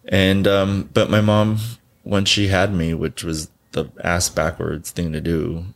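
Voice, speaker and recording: A Southern California man with a very low, heavily gravelly voice speaks as an interview guest, unhurried and completely flat in delivery. He tells his personal story candidly and bluntly, swearing casually and laughing often.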